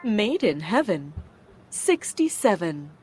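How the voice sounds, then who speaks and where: A woman calling bingo numbers with their rhyming calls, slow and measured. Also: medium pitch, very animated, slightly rough. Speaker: bingo caller. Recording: loud music playing underneath.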